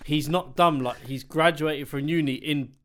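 A man's voice: fairly high pitch, steady tone, moderate pace, slight background noise. A man with a London roadman accent chatting casually and in slang on a podcast. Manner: London roadman slang, saying 'bruv' and 'innit'-type tags.

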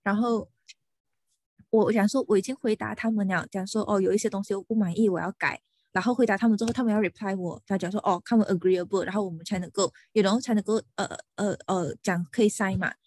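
A young woman lawyer venting about work in a casual podcast chat, animated and dropping English words into her talk. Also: medium pitch, fast, dry recording.

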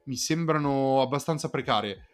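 A man's voice: mid-range voice, normal speed. A man in a casual basketball discussion, speaking colloquially and emphatically and restating his points. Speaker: sports podcast panelist.

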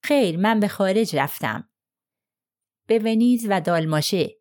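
A woman's voice: medium pitch, expressive, darkish tone, lightly acted. Woman reading as a guarded young man. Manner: short, guarded answers. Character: young man, reserved witness under questioning. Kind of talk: audiobook character reading.

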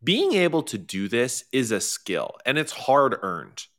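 A man co-hosting a live sales workshop, talking casually and enthusiastically, often chiming in with quick affirmations. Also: medium pitch, sing-song, a bit bright. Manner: enthusiastic, frequent affirming interjections. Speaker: workshop co-host. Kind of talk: casual live webinar talk. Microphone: close to the mic.

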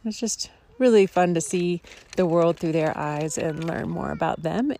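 A woman's voice: lowish voice, measured pace, warm tone, a little hiss or hum. A woman talking casually to a vlog audience in a reflective, hesitant way. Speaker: family camping vlogger.

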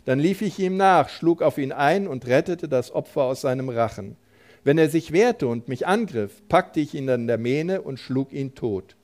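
Brief: man playing a bold young shepherd, earnest and insistent, slightly high voice. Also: normal speed, darkish tone, close to an everyday voice. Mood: resolute.

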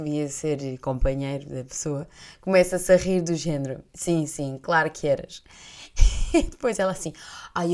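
Lively Portuguese woman telling anecdotes. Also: fairly low pitch. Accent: European Portuguese. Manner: animated, laughs often, acts out voices in her anecdotes. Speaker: podcast host. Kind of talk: casual storytelling chat.

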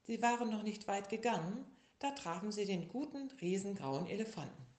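A woman reading a children's story aloud in a slow, lively, expressive way. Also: mid-range voice. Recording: echoey room.

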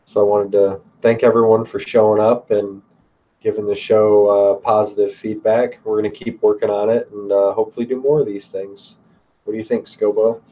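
A man with a lowish, dark, evenly pitched voice hosts a casual livestream panel. He sounds a little far from the mic. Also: level tone, normal speed. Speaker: livestream host. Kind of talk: casual hosting chat. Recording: dull livestream audio, distant from mic.

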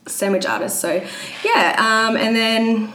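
A woman's voice: a little high, slow pace, fairly bright tone. A woman in her twenties with a Queensland Australian accent, telling her personal story casually and a little hesitantly as an interview guest. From Brisbane, Australia. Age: 20s. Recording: roomy echo, audible background noise.

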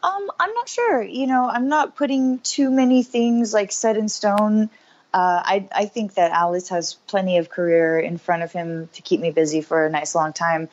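A woman's voice: medium pitch, moderate pace. Chatty, upbeat woman in her thirties, lo-fi. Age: 30s. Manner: upbeat, chatty, many fillers. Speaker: guest musician. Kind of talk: casual interview chat.

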